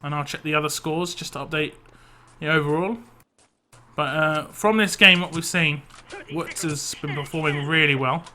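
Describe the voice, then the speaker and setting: Sounding a little high with a sharp tone, this man is casting a live video game match. Fatigue is wearing his voice down, and he leans on fillers and corrects himself quickly and often.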